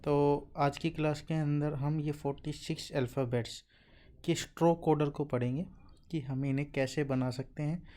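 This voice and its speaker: A man teaching a beginner language lesson, reciting syllables slowly and answering his own questions, with a constant "okay?". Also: a little high, fairly even intonation, dark tone. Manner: asks questions and answers them himself, says "okay" constantly; slow, drilled recitation of syllables. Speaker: Japanese teacher. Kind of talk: classroom-style lesson explanation.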